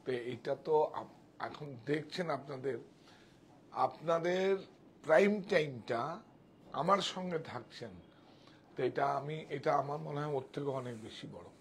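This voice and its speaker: A man's voice: on the high side, animated, normal speed, long pauses, a little hiss or hum. A man selling saris on a live stream, chatting with viewers and directing helpers off to the side. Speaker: sari seller on a live sale.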